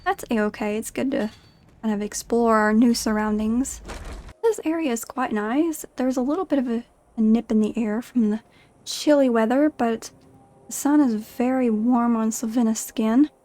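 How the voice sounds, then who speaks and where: A woman's voice: fairly high pitch, normal speed, warm tone. A woman giving chatty, giggly commentary as she role-plays through a video game. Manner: giggly, chatty, narrates her character's feelings. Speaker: gamer narrating her playthrough.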